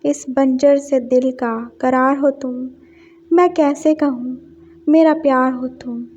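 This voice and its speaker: A woman voicing a sensitive, sulky young man who recites poetry slowly and tenderly. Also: sits high, flat delivery, darkish tone, slight background noise. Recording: dull lo-fi sound.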